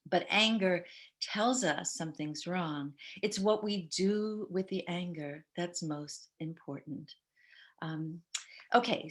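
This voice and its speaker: Older woman giving a parenting talk. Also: fairly low pitch. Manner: warm conversational, quotes herself and others. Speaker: parenting educator. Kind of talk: online parenting webinar talk.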